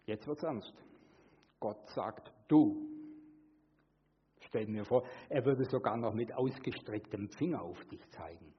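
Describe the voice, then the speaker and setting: A man preaching a sermon, earnest, moving between hushed and emphatic delivery. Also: slow, long pauses, breathy edge, lo-fi sound. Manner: acts out quoted voices with sudden high pitch.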